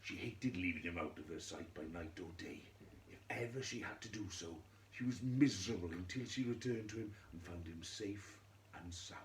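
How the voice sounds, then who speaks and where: A male storyteller with a deep voice narrates a scripted children's fairy tale theatrically, speaking in measured phrases broken by dramatic pauses. The recording has an echoey room and faint noise.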